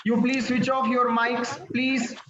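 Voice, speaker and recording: A man with an Indian accent introducing a speaker as webinar moderator, formal and slightly halting. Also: extremely high pitch, monotone. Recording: echoey lo-fi call with noise.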